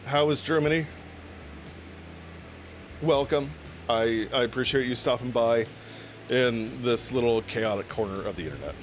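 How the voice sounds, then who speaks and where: A man's voice: mid-range voice, unhurried, long pauses, slight background noise. A man chatting casually with his viewers on a cooking live stream, laughing often and swearing now and then.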